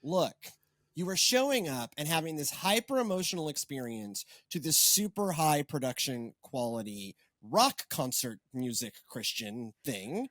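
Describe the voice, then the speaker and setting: Chatty wry pastor hosting a podcast. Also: male voice, a little high, sing-song, a little slow, fairly bright tone, no room sound. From Texas. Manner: chatty, rambling, wry, many fillers and restarts. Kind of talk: casual podcast chat.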